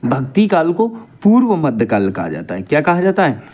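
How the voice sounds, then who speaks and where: Running a grammar class for exam prep, a male teacher speaks at normal speed with lively, swooping pitch. He echoes every point back as a question and addresses his students as dear children.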